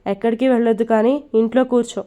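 A woman's voice: on the high side, steady tone, quick pace, warm tone, natural voice. A woman voicing a harsh, domineering young husband who talks in curt commands, in a storybook reading. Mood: stern.

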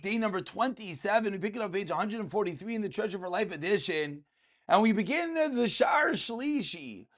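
High-pitched man teaching religious text. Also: a bit bright. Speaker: rabbi teaching a daily class. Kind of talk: religious text lesson, reading and translating. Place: small furnished room indoors.

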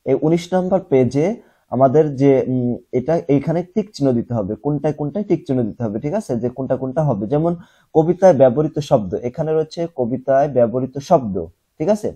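A young male teacher with a very dark, mellow voice and a husky edge. He works through the lesson step by step, asks his students questions and answers them himself. He repeats single sounds slowly to show how they are said. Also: medium pitch, animated. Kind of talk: classroom lesson.

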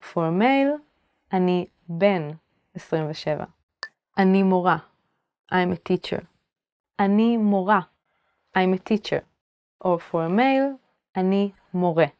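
A young woman teaching a language lesson to camera, repeating each phrase slowly and clearly before explaining it. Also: on the low side, animated, darkish tone, no room sound, clean studio sound. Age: 20s. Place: indoor studio, plain backdrop.

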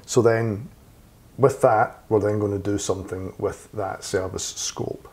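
A slightly hoarse man walks through a coding tutorial in a low voice. His tone is mellow and relaxed, and he thinks aloud with fillers while keys clack in the background over faint noise. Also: unhurried. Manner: talks while typing, thinking aloud with fillers and self-corrections. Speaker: programming tutor. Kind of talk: screen-recorded coding tutorial. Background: keyboard typing and clicks.

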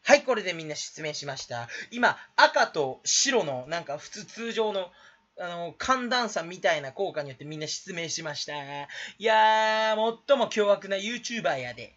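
A man's voice: high voice, animated, normal speed, a bit bright. A man rambling jokingly to camera in a vlog, putting on a fake Kansai dialect, in a dull lo-fi recording. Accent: put-on Kansai dialect. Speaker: YouTuber. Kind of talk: casual solo vlog.

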